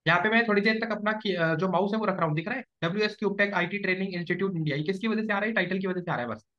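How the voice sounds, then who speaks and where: A man's voice: high voice, rapid-fire, bright, forceful tone. A man, teaching a live class and checking often that students follow. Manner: explanatory, checks understanding often. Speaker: SEO trainer. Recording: dull lo-fi classroom recording.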